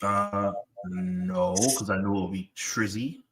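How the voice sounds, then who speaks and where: A low-voiced man takes his time while co-hosting a live wrestling podcast over crowd noise. It's casual live-stream talk, full of slang and rambling banter.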